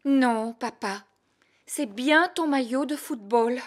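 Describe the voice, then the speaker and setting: Mother pig, high voice, gentle, motherly, calm preschool cartoon character. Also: slow pace. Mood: apologetic. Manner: motherly, reassuring.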